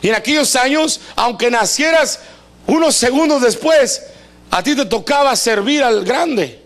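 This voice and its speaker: A man's voice: very high voice, unhurried. A man preaching a live sermon, joking and constantly putting questions to his congregation. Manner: animated and joking, acts out voices; asks the congregation questions often. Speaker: pastor. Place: church service before a congregation.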